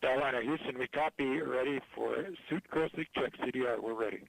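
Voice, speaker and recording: A man's voice: mid-range voice, fairly quick, vocal fry. A man making terse procedural calls over a crackly, breaking-up space radio link. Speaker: spaceflight crew and mission control radio operators. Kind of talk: terse radio call-and-readback procedure talk.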